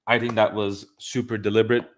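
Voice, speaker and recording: A man's voice: lowish voice, little pitch movement, fairly quick. A man hosting a livestream, giving blunt, opinionated commentary and thinking aloud with frequent restarts. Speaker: livestream host.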